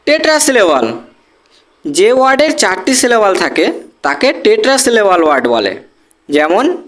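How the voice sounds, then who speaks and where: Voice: mid-range voice, fairly bright tone. A teacher giving a grammar lesson, patiently repeating example words syllable by syllable and often checking that students follow. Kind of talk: Bengali-language English grammar lesson.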